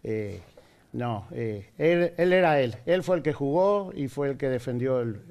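An older man raised in Venezuela, a guest on a TV studio talk show, answering in a modest, measured way and repeating his phrases. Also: mid-range voice, animated, darkish tone. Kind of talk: casual interview answers. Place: TV studio set.

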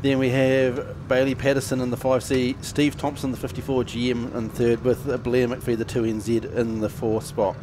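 A man's voice: mid-range voice, level tone, normal speed, few pauses. Kiwi male speedway commentator over engine noise. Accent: New Zealand. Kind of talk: race commentary. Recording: loud car noise behind.

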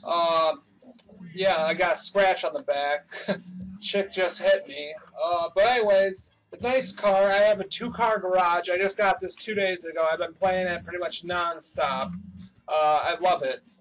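A young man hosting his own gaming channel, chatting casually and swearing as he plays, with excited outbursts, recorded through a webcam microphone. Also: high-pitched, unhurried. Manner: loose and profane, with excited outbursts. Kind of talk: casual gameplay commentary.

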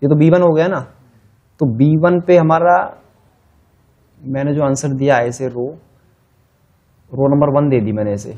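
A man walks through a spreadsheet lesson in a relaxed, conversational way, narrating each keystroke as he types. His voice sits a little high for a man, and he stops to correct himself now and then. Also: unhurried, long pauses, highs cut off. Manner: casual, conversational, thinking aloud while typing. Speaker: Excel instructor. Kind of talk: screen-share tutorial.

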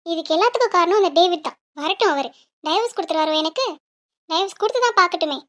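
A fierce, commanding cartoon mother, voiced by a woman, with an extremely high, piping voice. She scolds and reassures in the same breath, always in charge and protective of her family. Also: expressive, quick pace, a bit bright. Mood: angry. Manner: commanding, scolding, sure of herself. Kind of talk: cartoon voice acting.

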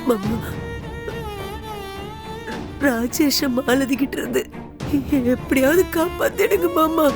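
A tearful pleading mother. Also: high-pitched. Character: middle-aged mother, tearful hopeful pleader. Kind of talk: TV serial acting. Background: music score.

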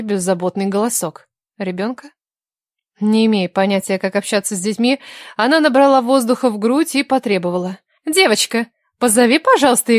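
A woman narrating a romance audiobook in a measured, even storytelling manner. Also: mid-range voice, dry recording, clean studio sound. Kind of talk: scripted narration.

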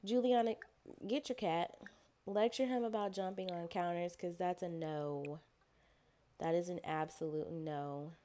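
A woman's voice: on the low side, fairly even intonation, a little slow, mellow. Chatty woman narrating a life-sim game. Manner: chatty and playful, voicing her characters' thoughts. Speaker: gameplay narrator. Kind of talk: casual let's-play commentary.

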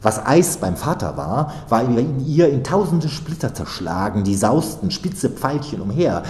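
A man reads his own fiction aloud with deliberate, expressive phrasing and a lively, rising and falling voice. His voice is middle-pitched and carries in a roomy reading hall, recorded live. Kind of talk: literary reading. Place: literature house reading hall.

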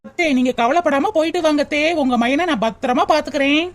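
A woman's voice: high voice, fast, heavy background noise, lightly acted. A woman voicing a sly young daughter-in-law in a cartoon, talking sweetly and respectfully. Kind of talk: cartoon voice acting.

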